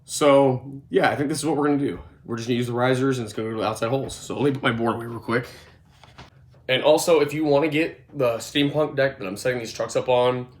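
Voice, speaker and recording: This skateboarding vlogger, in his twenties and croaky from a cold, gives a rambling product rundown full of fillers and false starts in a mid-range voice. The room has a gym mat and noticeable echo, and the phone or camera moves as he moves.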